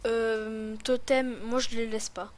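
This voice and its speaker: A woman's voice: fairly high pitch, flat delivery, takes it slowly, slight background noise. A woman with a lisp on her s sounds, rambling and thinking aloud in casual commentary as she hosts a gaming video.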